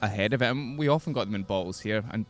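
A man appearing as a podcast guest, giving measured, thoughtful opinions about beer in casual chat. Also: fairly low pitch.

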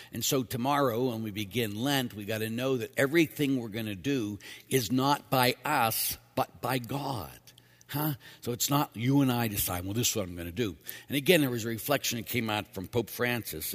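Low voiced priest doing a daily homily, plain talk, punchy, long echo in a church. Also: male voice, fairly bright tone. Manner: plain-spoken, emphatic, casual asides. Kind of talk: scripture reading and homily.

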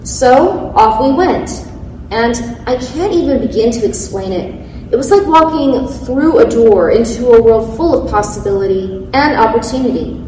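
An athlete panelist in her thirties reads prepared remarks in a large event hall, sounding eager and chuckling at her own stumbles. Her fairly high, warm voice has lively intonation and a moderate pace. The recording is echoey, taken from a distant mic, with slight background noise.

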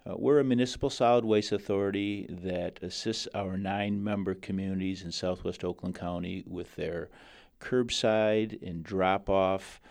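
A man being interviewed as a professional guest, explaining in measured, formal wording. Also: sits low, creaky, darkish tone, dry recording, studio quality. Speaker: interview guest, general manager.

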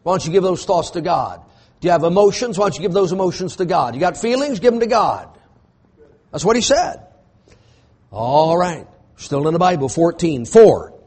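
A man preaching an emphatic sermon, repeating phrases and building to shouts. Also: a little high, slightly rough. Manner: emphatic, rising to shouts, repetitive preaching cadence.

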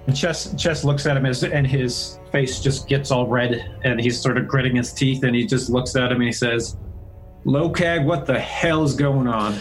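A man describing his character's moves in a tabletop game. He rambles and restarts as he talks, in a mid-pitched voice with faint music in the background. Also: little pitch movement, normal speed, hardly any pauses, poor audio. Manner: rambling, full of fillers and restarts. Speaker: player. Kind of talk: tabletop role-play narration.

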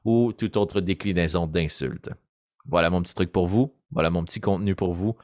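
A game master with a deep voice gives a casual tutorial on voice acting, showing how to create character voices and animatedly demonstrating them as he explains. He speaks at a moderate pace, and the studio-quality recording has no echo.

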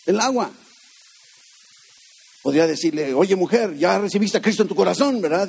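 A man's voice: high-pitched, a little mellow, breathy edge. A man preaching a conversational sermon, asking rhetorical questions and acting out the voices he quotes. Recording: long hall reverb.

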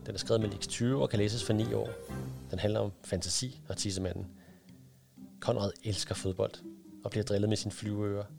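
A man reads a children's book aloud in a low, gravelly voice, telling the story plainly. Music plays clearly underneath him. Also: fairly even intonation. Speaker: children's author. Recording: music playing behind.

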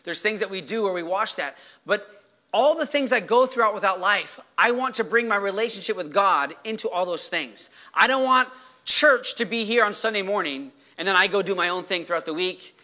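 A man preaching as a pastor in a conversational, emphatic way, his voice hoarse and giving out. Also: high-pitched, expressive, normal speed, bright, forceful tone. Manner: conversational, emphatic, checks in with "right?". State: hoarse, losing his voice after yelling. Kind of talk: sermon to a congregation.

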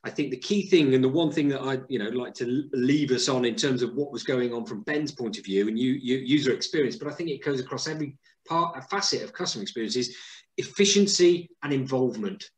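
A man's voice: mid-range voice, fast talker. A man co-hosting a business podcast, chatting casually and upbeat with lots of tag questions. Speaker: podcast co-host. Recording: roomy echo.

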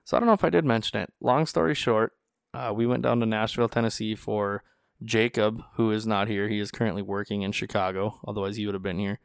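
Talking fast with vocal fry, this man has a low-ish, clear, resonant voice captured in studio quality with no room sound. He's a North Dakota podcast host recording in a small studio on a podcast mic, telling animated stories and voicing the people he quotes.

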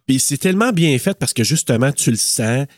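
A Québécois man at mid pitch talks through a film review in a relaxed chat, recorded close on a dry mic. He recounts scenes with animated restarts and plenty of fillers. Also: moderate pace, dry recording. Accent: Québécois French. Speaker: podcast co-host.

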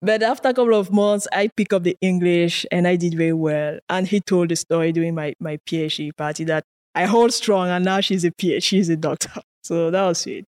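Here a guest research scientist from Cameroon, whose first language is French, answers in a conversational interview. Her fairly low, darkish voice is brisk and fairly even in intonation, and she tells stories earnestly, occasionally laughing and repeating words.

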